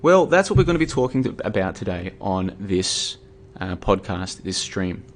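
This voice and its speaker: A man's voice: deep voice, very animated, normal speed. Tired Australian man on a livestream. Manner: conversational, argumentative, with many fillers and restarts. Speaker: livestream host. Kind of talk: casual monologue livestream. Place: home room.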